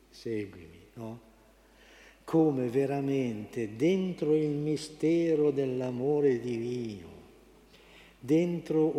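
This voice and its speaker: Slow-speaking priest giving a homily. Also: male voice, mid-range voice, warm tone, echoey room, big-room sound. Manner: unhurried, halting, searching for words.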